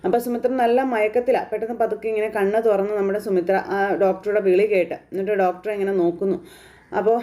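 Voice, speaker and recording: Fast, mellow-voiced chatty woman narrator. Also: medium pitch, little pitch movement. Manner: chatty, colloquial, strings events with frequent fillers. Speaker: serial recap narrator. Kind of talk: casual retelling of a TV serial episode.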